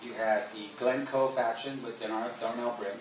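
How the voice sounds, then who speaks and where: Man cross-examining, halting, in an echoey room. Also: medium pitch, steady tone. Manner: halting, probing leading questions. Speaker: attorney cross-examining a witness. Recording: roomy echo, faint background noise.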